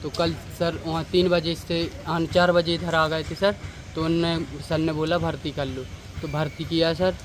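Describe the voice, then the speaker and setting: A young man from central India angrily recounting events to a reporter, calling him sir. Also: fairly high pitch. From Damoh district, India. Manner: urgent, aggrieved, repeatedly addressing the reporter as sir. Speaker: bereaved family member. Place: outdoors at a hospital at night. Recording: outdoor street noise.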